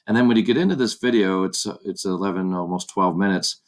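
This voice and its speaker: Low-voiced male Spanish teacher. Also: fast talker. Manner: patient, explains step by step, with repeats. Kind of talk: screencast lesson walkthrough. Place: at a desk with a laptop. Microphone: computer mic on a laptop.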